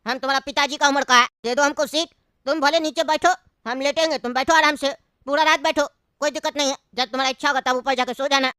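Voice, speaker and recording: A woman's voice: sits high, fairly even intonation, fast, sharp tone, no echo, studio quality. A woman voicing a fussy elderly man on a train, complaining and pleading in a cartoon comedy.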